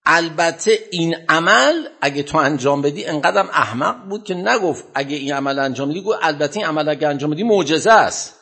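Husky, animated male preacher. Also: a little high. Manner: dramatic, animated retelling with sudden loud bursts. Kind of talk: sermon storytelling.

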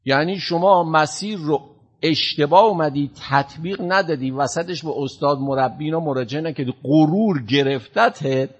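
A man giving a sermon, telling a story in a lively way, rising loud and dropping low. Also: breathy edge. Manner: animated, swings from loud to hushed. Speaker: preacher. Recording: dull lo-fi sound.

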